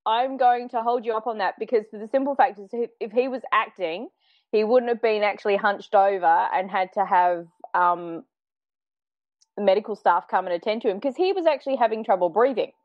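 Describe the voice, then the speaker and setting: A woman's voice: medium pitch, fairly quick, no echo, dull audio. Chatty Australian woman on a podcast. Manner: chatty, laughs easily, argues her point. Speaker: podcast co-host, news segment. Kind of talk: casual chat.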